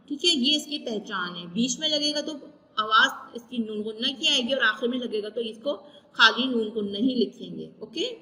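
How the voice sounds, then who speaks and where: A woman's voice: on the high side, pushed and bright, in a large hall, poor audio. A woman teacher giving a recorded class lesson, patiently spelling out letters and drawing out each sound.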